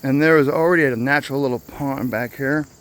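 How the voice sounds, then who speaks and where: A man's voice: medium pitch, fairly quick, a bit bright. A man casually narrating a walking property tour in a plainspoken, rambling way, recorded outdoors. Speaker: property owner giving a tour. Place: outdoors on wooded rural land. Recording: clear outdoor background noise, insects.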